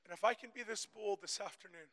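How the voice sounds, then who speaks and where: A male preacher delivers his sermon phrase by phrase, pausing for his interpreter. His voice sits very high and bright. He climbs to shouted peaks, ringing in a reverberant church hall. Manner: builds to shouting crescendos. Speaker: guest preacher.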